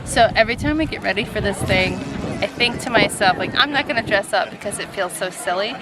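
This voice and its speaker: A woman's voice: mid-range voice, fairly quick. A woman chatting casually as a mother filming her family's outing at a fair. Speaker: vlogging mother. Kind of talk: casual family vlog chat. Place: outdoors at a busy fair. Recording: loud crowd and music, outdoor camera mic.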